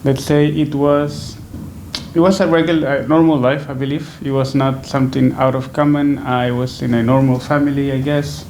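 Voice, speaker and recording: A young Venezuelan man in his twenties answers interview questions in a slightly gravelly, mid-pitched, somewhat mellow voice with little pitch movement. Thoughtful and hesitant, he pauses often, fills gaps and restarts sentences, sitting close to a stand microphone in a small indoor room with a faint hiss behind.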